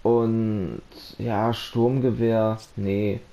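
A man's voice: fairly low pitch, level tone, drawn-out words. A German man commenting on a horror game he is playing, talking to the characters and his viewers, easily startled and yelping into a close microphone. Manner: jumpy, yelps and shouts when startled. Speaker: let's play commentator. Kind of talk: casual gameplay commentary. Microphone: close desk microphone.

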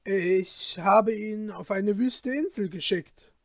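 A timid police judge from a fairy tale, hesitant and fearful, answering slowly in a slightly raised voice, as a male storyteller puts him on. Dry close recording. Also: high voice, no echo, voice pushed up.

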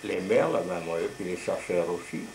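Deep, animated and brisk, the voice belongs to an old man of 70-plus reminiscing in a loose, grandfatherly ramble full of everyday language. Sitting in his living room, he was recorded by a camcorder mic on the far side of the table, giving a roomy, noisy home sound.

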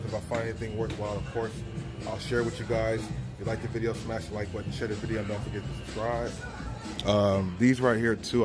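Deep-voiced man vlogging in a store. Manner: casual, chatty, thinking aloud. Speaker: reselling vlogger. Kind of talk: casual shopping vlog. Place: large retail store, indoors. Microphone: handheld phone.

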